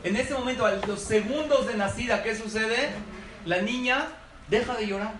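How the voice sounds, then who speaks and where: A man's voice: high-pitched, normal speed. A man giving a humorous lecture to a live audience, often asking them questions. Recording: echoey hall from far off, noisy.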